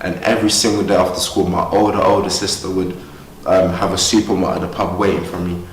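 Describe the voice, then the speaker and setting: A man's voice: low voice, flat delivery, quick pace, reverberant, distant mic, a little hiss or hum, low-quality recording. A young man from Ghana, a boxer, talking earnestly and upbeat in a casual interview at a boxing gym. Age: young adult. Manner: earnest, upbeat, talks freely.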